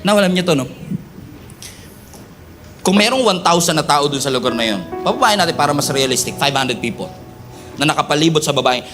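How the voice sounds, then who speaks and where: Filipino pastor, animated and joking, higher-pitched male voice, soft music underneath. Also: brisk, pauses often. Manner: animated, joking, acts out quotes. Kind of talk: sermon.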